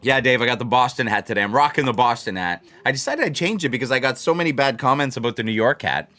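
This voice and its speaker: On a casual livestream for a blackjack channel, the male host rambles to his viewers and repeats phrases for emphasis. His medium-pitched voice sounds pushed and bright, and he talks fast.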